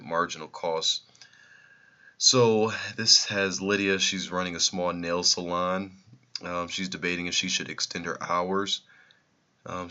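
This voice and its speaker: A man's voice: sits low, sharp tone, muffled recording. A man who is losing his voice, explaining exam problems in a recorded review lesson and repeating the key numbers.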